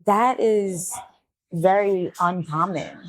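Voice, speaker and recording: Sex: woman. Role: podcast host and fitness trainer. Pitch: a bit low. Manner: enthusiastic and affirming toward her guest. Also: takes it slowly. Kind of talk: casual podcast interview.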